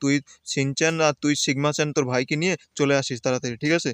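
A man's voice: medium pitch, fairly even intonation, rapid-fire, fairly bright tone, smooth, no echo, natural voice. [name], a man doing a bossy caring uncle. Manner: reassuring, lecturing, repeats "ঠিক আছে". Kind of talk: game play voice acting.

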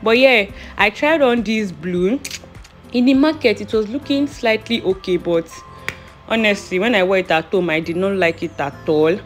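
Soft background music accompanies a young Nigerian vlogger narrating her clothing haul. Her voice is medium-pitched and her speed normal, and she comes across as chatty, playful and self-amused.

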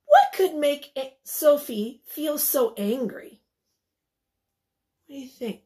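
A woman teacher with a fairly high voice reads a picture book to young children at a slow, patient pace. She stops to ask the children questions and sometimes drops to a soft whisper. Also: animated. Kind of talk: children's read-aloud lesson.

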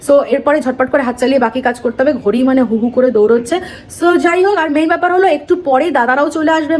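Fast-talking young Bengali woman vlogger. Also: high voice, a little mellow, a little hiss or hum. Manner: chatty, quick, mixes English words into Bengali. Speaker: vlogger, mother of the baby. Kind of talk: casual vlog narration to camera.

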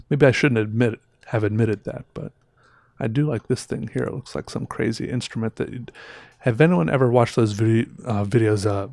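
This is a gravelly, slightly mellow medium-pitched voice of a man in his thirties with a mildly sore throat. He rambles chattily and interrupts himself while commenting on viewer art during a casual livestream. He's on a headset with a boom mic in a small room, and the sound is clean studio quality with no room sound.

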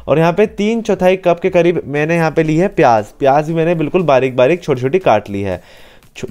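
A man's voice: on the high side, a little mellow, clean tone. Young man talking through a recipe. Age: young adult. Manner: explanatory, step-by-step, chatty. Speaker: cooking channel host. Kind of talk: cooking tutorial voice-over.

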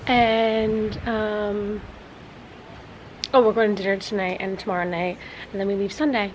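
A woman's voice: medium pitch, little pitch movement, unhurried, a little hiss or hum, low-quality recording. A woman, chatting casually to a handheld vlog camera. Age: 20s. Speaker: vlogger. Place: holiday villa, mostly outdoors by pool and garden. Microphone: handheld camera at arm's length or propped nearby.

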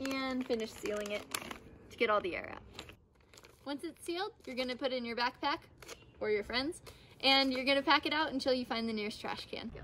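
A young woman in her twenties giving a scripted outdoor skills lesson in a backyard, upbeat and playfully deadpan, recorded on a camera mic. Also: high-pitched, background noise. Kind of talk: scripted instructional video.

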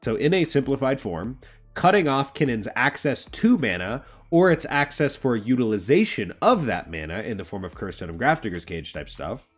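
A man's voice: mid-range voice, big pitch swings, moderate pace, soft background music. A man in his thirties, a podcast co-host on a video call from home, arguing strategy emphatically and swearing freely. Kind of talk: casual strategy discussion. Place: home room.

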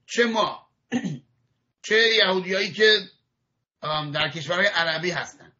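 A man teaching a religious lesson, his voice high for a man and bright. He explains patiently and demonstrates each sound again and again, clearing his throat now and then. The audio is muffled, like an old archive recording. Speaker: rabbi teaching Hebrew pronunciation.

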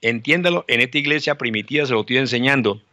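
A man's voice: medium pitch, fast talker, sharp tone, dry recording. A male pastor preaching a sermon emphatically, repeating phrases and asking rhetorical questions.

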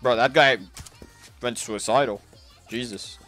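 A young man giving casual, excitable commentary while playing a shooter game, trash-talking and laughing often. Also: mid-range voice, a little slow. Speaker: gaming streamer. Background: anime music.

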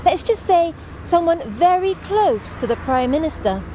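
A coy smug news correspondent. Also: female voice, extremely high pitch, sing-song, moderate pace, mellow, slight background noise. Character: smug female political correspondent. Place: outdoors on a street.

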